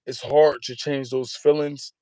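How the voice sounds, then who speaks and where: A man's voice: medium pitch, little pitch movement, measured pace, mellow, clean tone. A man in his thirties telling his story as an interview guest, rambling in slangy street talk and often asking if you follow. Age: 30s. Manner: rambling, repeats "you know what I'm saying".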